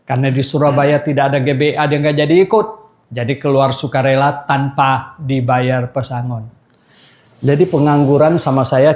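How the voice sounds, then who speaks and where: A man's voice: mid-range voice, a little mellow. An older man, a pastor, giving an anniversary sermon in a chatty storytelling way, laughing and calling out questions to the congregation.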